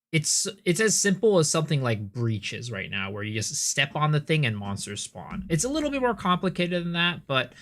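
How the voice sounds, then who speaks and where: A man streaming live games and reacting to clips, animated and prone to stammering and repeating words when he gets excited. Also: medium pitch. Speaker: game streamer.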